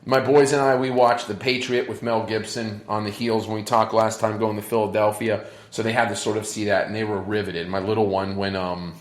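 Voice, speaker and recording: A man in his thirties co-hosting a casual podcast chat, bantering in an animated, self-mocking way. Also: lowish voice, brisk, few pauses, reverberant. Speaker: podcast co-host.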